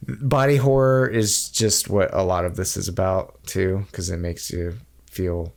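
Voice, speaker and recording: A man with a low, gravelly voice co-hosts a podcast. He talks casually and rambles a little, and he slips in dry, teasing jokes. His delivery is loose and conversational. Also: steady tone, takes it slowly, a little mellow. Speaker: podcast co-host. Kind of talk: casual chat.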